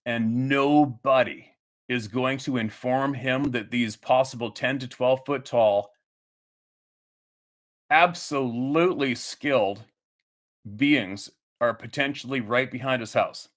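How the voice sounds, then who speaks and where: A man's voice: mid-range voice, slow pace. Angry, swearing man ranting. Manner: angry, profane, emphatic ranting; repeats himself and restarts mid-sentence. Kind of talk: heated monologue to camera.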